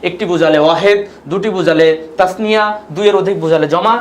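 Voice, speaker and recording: A man teaching Arabic grammar in an online lesson, patiently repeating each word slowly so students can follow. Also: high-pitched. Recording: echoey room with faint background noise.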